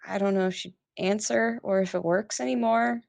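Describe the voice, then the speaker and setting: A woman's voice: medium pitch, steady tone, moderate pace, gravelly, darkish tone, natural voice. Weary grudging male pilot, as a woman puts him on.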